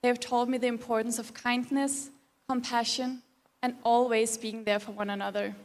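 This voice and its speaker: Danish woman, non-native English, slightly high voice, composed formal pageant speech. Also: little pitch movement, normal speed. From Denmark. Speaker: pageant contestant. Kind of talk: prepared speech.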